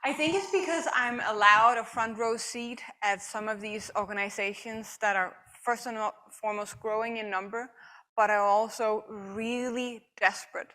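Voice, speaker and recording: Bright-voiced woman answering audience questions. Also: medium pitch. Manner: animated, repeats words when restarting. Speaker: conference speaker. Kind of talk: Q&A after a talk. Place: conference hall.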